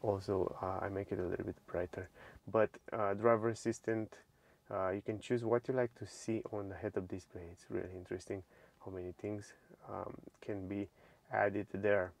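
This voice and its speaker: A man's voice: on the low side, little pitch movement, moderate pace, gravelly, no echo. A young man giving a casual walkthrough of a car's touchscreen from inside the car in a showroom. He is eager, doubles his praise words and uses many fillers. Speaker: car reviewer.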